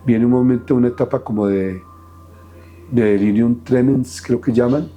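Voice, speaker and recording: A middle-aged man speaks as an interview guest, his voice very dark and mellow. He tells his story haltingly, restarting phrases as he goes. Faint music sits underneath. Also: mid-range voice, steady tone. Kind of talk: personal testimony in an interview.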